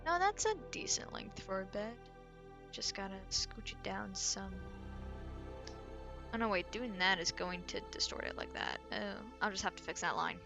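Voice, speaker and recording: With a medium-pitched voice, lively intonation, normal pace and some vocal fry, a woman streamer chats casually while she draws. She thinks aloud, rambling and muttering to herself. Faint background music is present.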